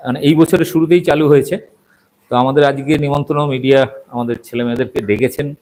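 A man's voice: a little high, a little mellow, poor audio. A middle-aged man doing a walking video report, hesitant and full of fillers, showing viewers around a small restaurant. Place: outside and inside a small restaurant.

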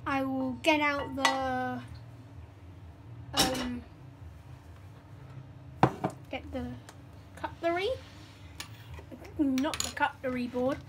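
A woman's voice: high voice, fairly even intonation, extremely slow, pauses often, very noisy. A young woman chatting through a casual cooking vlog at home, rambling and correcting herself as she goes. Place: home kitchen.

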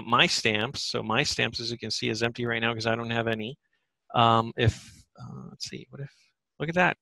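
A man with a bright, forward voice leads a live software demonstration. He thinks aloud as he works through each step. The sound is close and dry, as in a screen recording. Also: medium pitch, creaky, no echo, poor audio. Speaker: software trainer. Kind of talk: live software demo in a webinar. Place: indoor webinar, screen share.

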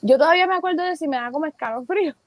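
High-voiced animated woman telling stories. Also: very fast, crowd noise. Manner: animated, acts out her own quoted thoughts. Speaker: interview guest, teacher and entrepreneur. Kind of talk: casual interview storytelling.

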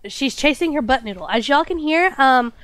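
Bubbly and apologetic, a young woman with a stuffy nose and a lingering cough talks casually with her stream's viewers, scattering fillers throughout. She speaks in a high, fairly bright voice with lively intonation and a moderate pace.

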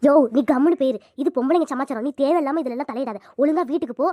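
A woman's voice: high-pitched, racing, mellow, no room sound, clean studio sound, voice pushed down, natural voice. A woman voicing a bossy, stubborn village mother-in-law who scolds and commands in a cartoon.

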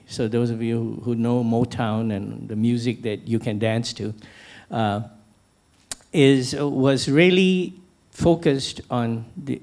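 A man's voice: medium pitch, a little mellow. Malaysian-born man moderating a panel. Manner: measured, anecdotal, frequent restarts. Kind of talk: panel discussion, posing questions. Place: large lecture hall on stage. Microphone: handheld microphone.

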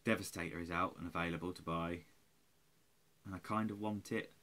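A man in his forties, worn out and rambling, swears and ridicules himself in a home vlog shot on a close webcam in a small room. He speaks briskly with a low, pushed, bright voice and fairly even intonation.

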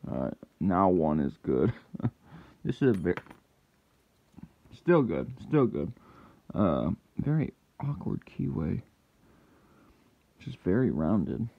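A man with a low, gravelly, breathy-edged voice hosts his lockpicking channel, speaking slowly with big pitch swings and long pauses over narrow, tinny audio. It's casual hands-on commentary: he mutters half to himself as he works step by step, occasionally erupting in frustrated yells.

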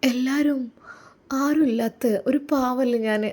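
A woman voicing a lonely, orphaned young bride who speaks in a hesitant, halting, soft way. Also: high-pitched, fairly even intonation, voice pushed up. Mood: tearful. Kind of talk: audio story drama.

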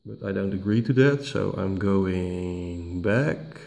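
Deep, gravelly and darkish, this tech tutorial host talks viewers through a tablet reset one unhurried step at a time. He is a non-native English speaker whose first language is likely Dutch, and his delivery is full of "uh" fillers and self-corrections. The clip was recorded on a camera mic in the dining room of his home.

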